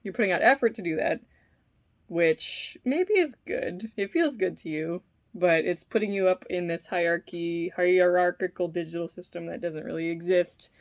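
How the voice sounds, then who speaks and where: Woman w a lowish voice rambling her opinions mukbang style, mouth full, informal and halting. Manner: talking with mouth full while eating; informal, musing, halting, with mild swearing. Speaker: vlogger eating on camera. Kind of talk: casual rambling opinion talk while eating.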